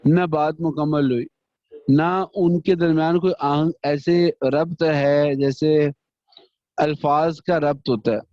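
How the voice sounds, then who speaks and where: A man's voice: fairly high pitch, steady tone, mellow, dry recording. Man teaching a hadith lesson, lo-fi. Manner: recites Arabic slowly, then explains at length in a measured, explanatory way. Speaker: religious teacher.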